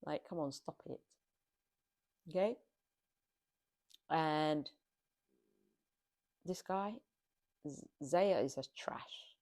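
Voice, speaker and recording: A woman's voice: sits low, very slow, pauses often, darkish tone. A woman giving casual, exasperated commentary on a reality TV show, scolding the people on it.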